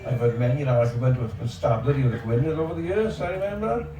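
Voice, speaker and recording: An older man speaks emphatically on a discussion panel, repeating words to stress them. His medium-pitched, dark-toned voice moves at a quick pace and is picked up from far off in an echoey outdoor space with background noise.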